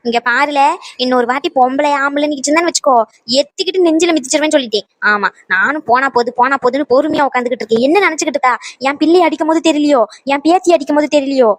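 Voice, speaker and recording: A woman plays a fierce old grandmother in a cartoon who scolds and threatens, her voice pitched high. The sound is dry and close. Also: very fast, no echo, natural voice. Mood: scolding. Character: feisty old grandmother, sharp-tongued mother-in-law.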